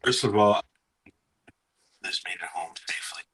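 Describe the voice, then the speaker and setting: Guy on a podcast, sounds like hes talking through a tube, quiet and far off on a bad earbud mic. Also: low voice, moderate pace. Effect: muffled, like talking through a tube. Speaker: podcast co-host. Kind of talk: casual chat. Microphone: one wireless earbud.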